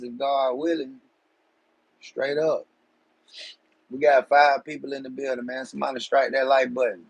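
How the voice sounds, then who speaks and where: A man chats loosely with his live-stream viewers in streetwise slang. His voice sits at an ordinary pitch with a husky, slightly rough edge. The sound is dry, with no room echo. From Georgia, USA. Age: 40s. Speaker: livestream host.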